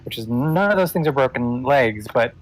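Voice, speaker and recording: A man's voice: mid-range voice, expressive, normal speed, low-quality recording. A man playing a tabletop game over a voice call, dry and sarcastic in his remarks. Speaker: player. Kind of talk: casual tabletop game chat.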